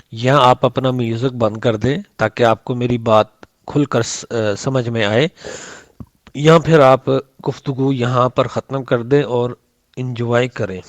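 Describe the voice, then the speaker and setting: A man's voice: mid-range voice, no echo. A man in a heated debate over voice messages, combative and repeating his points with rising emphasis.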